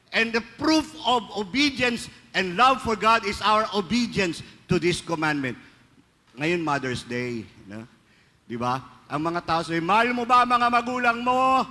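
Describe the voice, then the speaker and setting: An unhurried, high-sitting male voice, pushed and bright, carries a Filipino accent. The priest is preaching a joking, storytelling sermon in mixed Filipino and English. It was captured in a large, reverberant church with faint ambience.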